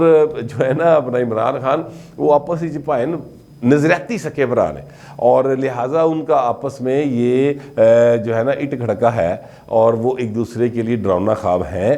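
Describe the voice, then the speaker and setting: A political commentator with a Pakistani Punjabi accent speaks in a medium-pitched, mellow voice. His commentary is conversational and informal, slipping between Urdu and Punjabi.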